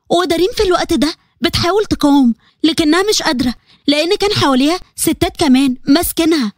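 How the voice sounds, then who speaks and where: A woman storyteller with an Egyptian Arabic accent reads scripted drama narration in a high, quick voice. Her delivery is brisk and dramatic, and the recording sounds dry and close to the mic. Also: dry recording.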